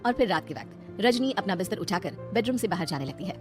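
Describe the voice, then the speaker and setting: A woman narrating a comic family skit in a brisk, storytelling manner. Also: mid-range voice, expressive, soft background music. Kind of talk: scripted narration.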